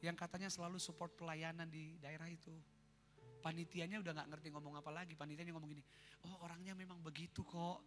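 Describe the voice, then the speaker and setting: A man with an Indonesian accent preaching a sermon, telling a story to his congregation in a lively way. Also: a little high. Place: church hall. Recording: reverberant church hall with music.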